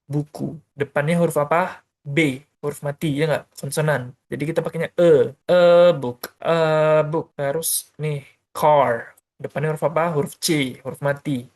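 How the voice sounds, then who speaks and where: A man's voice: on the high side, fairly even intonation, unhurried, a little mellow. A male teacher giving a beginner grammar lesson, explaining step by step in a casual, chatty way and asking questions he answers himself. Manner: casual and chatty, uses many fillers. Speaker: English teacher.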